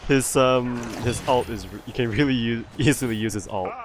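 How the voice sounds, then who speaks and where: A man giving chatty, casual gameplay commentary, getting excitable during fights. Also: mid-range voice, moderate pace, crowd noise. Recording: voice over loud game music.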